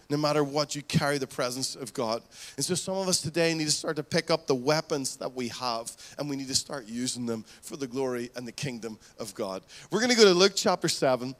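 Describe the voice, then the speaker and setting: A man preaching a fervent, exhorting sermon full of rhetorical questions. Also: on the high side. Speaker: pastor.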